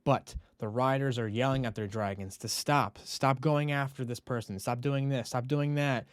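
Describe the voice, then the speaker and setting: A man hosting a podcast, retelling a TV episode in a casual, animated way and now and then acting out the characters' lines. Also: mid-range voice, no echo, clean studio sound. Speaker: podcast host.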